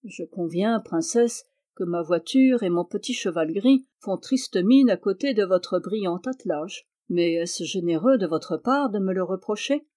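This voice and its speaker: A woman's voice: medium pitch, animated, unhurried, few pauses, warm tone, lightly acted. A woman voicing an earnest, faithful young prince who speaks respectfully.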